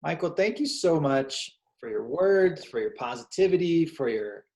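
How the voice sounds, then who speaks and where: A man's voice: on the high side, animated, normal speed, vocal fry, a little mellow. A man hosting a casual show who chats with his guest and thanks him in an upbeat, encouraging way. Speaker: show host. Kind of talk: casual interview chat.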